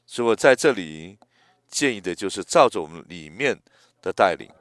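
A man in his eighties preaching a sermon in a gentle, reflective way, often pausing and restarting his phrases. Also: low voice, lively intonation, no room sound. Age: 80s.

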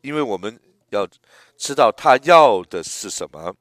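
Older male preacher in his 80s, slow and gentle, lowish voice, dry sound. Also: very animated, dry recording. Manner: slow, gentle, reflective, with hesitant restarts. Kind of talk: sermon.

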